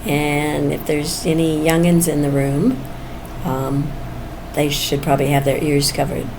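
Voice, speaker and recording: With a low-pitched voice, flat delivery, and measured pace, a nearly seventy-year-old woman chats candidly in a casual personal vlog. She muses as she talks and chuckles often, and the background ambience is noisy.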